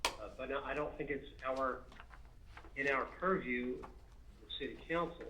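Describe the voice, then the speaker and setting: A man serving as a city councilman gives halting, hesitant remarks at a council meeting from a remote connection whose audio keeps breaking up. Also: mid-range voice. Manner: halting, hesitant, with many restarts. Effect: broken-up remote audio that keeps cutting out. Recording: echoey, noisy remote line that drops out.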